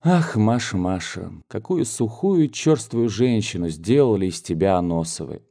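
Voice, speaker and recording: A man's voice: fairly low pitch, lively intonation, moderate pace, mellow. A man reading an audiobook, voicing a spirited young woman who reproaches her older sister. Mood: reproachful. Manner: heated, pleading reproach.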